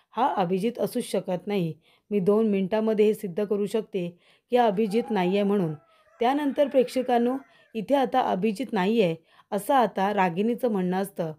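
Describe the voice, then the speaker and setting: A woman's voice: medium pitch, mellow. A woman narrating a recap of a TV serial, often addressing the viewers directly as she retells the scenes. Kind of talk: storytelling recap.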